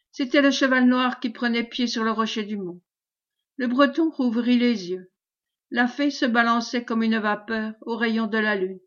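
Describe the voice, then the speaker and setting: A woman's voice: a little high, a bit bright, dull audio. Woman reading a classic novel aloud. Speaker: audiobook reader. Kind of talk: scripted narration.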